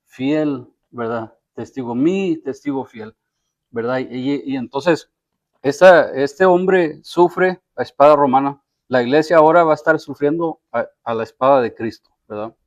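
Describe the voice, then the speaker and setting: Male pastor, mid-pitched, chatty folksy sermon delivery, muffled lo-fi church audio. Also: normal speed. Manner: folksy, asks "¿verdad?" often, acts out quoted voices. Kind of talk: conversational sermon. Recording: dull lo-fi church recording.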